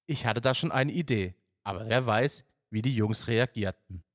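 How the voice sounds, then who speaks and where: A man's voice: mid-range voice, moderate pace, no echo, studio quality. A man reading a first-person story aloud in a plain, matter-of-fact way. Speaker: narrator.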